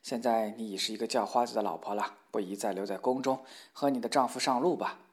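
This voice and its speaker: A man's voice: medium pitch, fast talker, natural voice. A man voicing a stern, commanding old king in a storybook reading. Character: stern old king keeping his oath.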